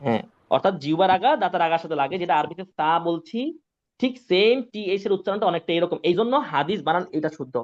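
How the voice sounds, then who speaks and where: Patient high-voiced male Quran teacher. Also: fast talker. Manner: patient, repetitive, asks students if they follow. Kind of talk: live online pronunciation class. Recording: dull lo-fi sound.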